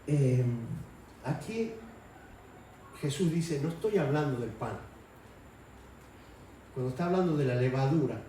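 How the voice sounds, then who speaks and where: A man's voice: mid-range voice, mellow, a little hiss or hum. A man preaching a sermon in a conversational way, raising his voice to act out quotes. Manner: conversational, acts out quotes in a raised voice. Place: church hall. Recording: echoey hall, mic far off.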